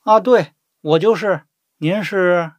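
A man's voice: high voice, slow, no room sound. A man playing a courteous job candidate in a scripted language-lesson dialogue, polite and inquisitive. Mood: polite, curious.

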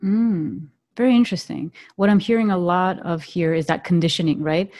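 A woman's voice: on the low side, moderate pace, darkish tone, dry recording, clean studio sound. A woman from Serbia hosting an interview as a coach, talking casually with lots of "you know" and "right". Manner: chatty, frequent fillers like "you know" and "right". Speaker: podcast host, coach. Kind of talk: conversational interview.

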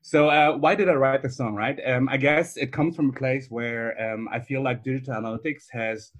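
A man's voice: mid-range voice, steady tone, normal speed. Friendly, upbeat male podcast guest. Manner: friendly, upbeat, laughs easily. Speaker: podcast guest, analytics director. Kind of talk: casual podcast interview.

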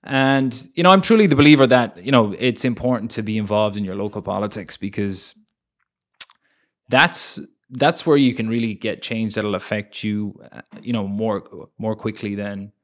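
A man's voice: fairly low pitch, normal speed, fairly bright tone. A young man co-hosting a casual political podcast, rambling with many fillers and restarts. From Ireland. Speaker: podcast co-host.

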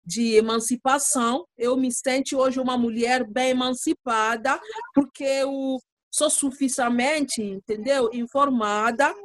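A woman from Congo with a French accent, speaking Portuguese as a guest on a podcast, halting and searching for words, often checking in with the listener. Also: high voice, steady tone, dry recording. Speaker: guest, lawyer and activist. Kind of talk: podcast interview.

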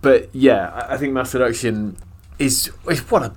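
A man's voice: medium pitch, normal speed. A man co-hosting a podcast, chatting casually about music, agreeable and a little hesitant. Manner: agreeable, hesitant, lots of yeahs. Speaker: podcast co-host.

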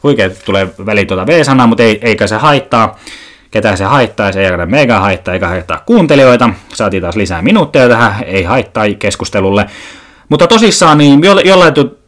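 A man's voice: fairly low pitch, animated, fairly bright tone. A young man hosting a solo podcast, rambling through jokey, self-mocking stories and swearing casually. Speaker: podcast host.

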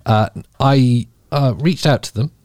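A man's voice: mid-range voice, measured pace, a little mellow, no echo. A man co-hosting a podcast in casual chat at a studio microphone, joking, laughing often and restarting his sentences. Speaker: podcast co-host.

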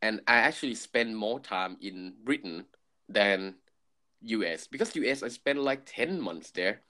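A man in his twenties with a Thai accent chatting casually, often pausing to search for words. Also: lowish voice, expressive, pushed and bright. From Thailand. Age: 20s. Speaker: conversational co-host. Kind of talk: casual chat.

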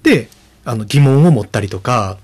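Animated Kansai man, husky voice. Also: normal speed. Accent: Kansai Japanese. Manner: animated, acts out quoted lines in a higher voice. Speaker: podcast host. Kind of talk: casual chat.

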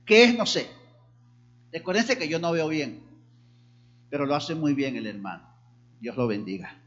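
A middle-aged man preaching a sermon, animated, sometimes mimicking hesitant congregants in a higher voice. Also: a little slow, highs cut off. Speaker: pastor.

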